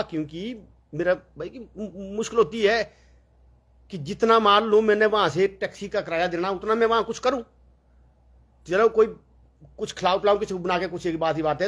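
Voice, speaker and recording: A man's voice: high-pitched, a bit bright. A man telling a long, rambling story in a casual, chatty way, full of fillers and quoted dialogue.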